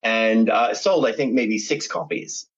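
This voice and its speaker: Here a middle-aged American guest author talks a little slowly in a slightly rough voice on the low side, with an accent mixing American, British and Australian tones. The podcast interview finds him rambling, with many fillers and false starts, while the sound lacks its high frequencies.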